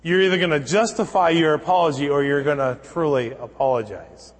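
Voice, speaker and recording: A pastor delivering a sermon, telling stories with acted-out dialogue and building to emphatic points. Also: male voice, on the high side, fairly quick, big-room sound. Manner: storytelling with acted dialogue, rising to emphatic preaching.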